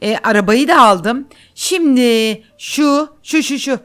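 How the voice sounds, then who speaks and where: A woman's voice: a little high, slow, fairly bright tone. A middle-aged woman narrating her game play for children in a chatty, boastful way, repeating phrases and speaking straight to her viewers. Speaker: gameplay video host. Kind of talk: playful gameplay commentary for children.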